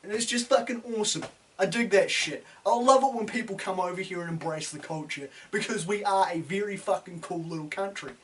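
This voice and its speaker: A man's voice: sits high, a little fast, fairly bright tone, far from the mic, slight background noise. A man with a broad New Zealand accent delivering a blunt, sweary, sardonic opinion rant, full of slang. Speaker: opinion video host.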